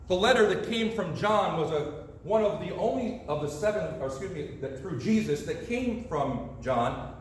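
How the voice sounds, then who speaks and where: A middle-aged pastor preaches a storytelling sermon in a church sanctuary, gesturing with both hands. His voice sits high and is expressive, moving at a moderate pace. The sound is distant and echoey, with slight background noise.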